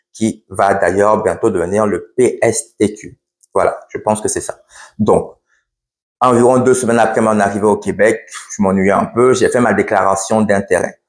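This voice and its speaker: A man with a lowish voice vlogging in a blunt, matter-of-fact way, often restarting his sentences. His voice echoes noticeably around the room he records in. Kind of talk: casual explainer vlog.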